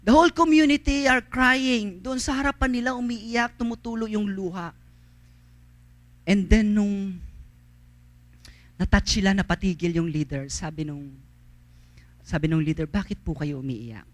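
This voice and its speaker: A man preaching a sermon at a church service, mixing English phrases into his Tagalog, swinging between loud calls and soft storytelling. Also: high-pitched, a little slow, long pauses, no room sound.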